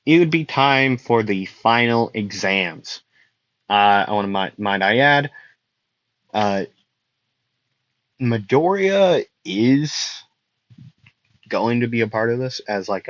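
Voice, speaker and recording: A man's voice: mid-range voice, dry recording. A young man improvising a fan-fiction story, rambling with many fillers and self-corrections. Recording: dull lo-fi dry recording.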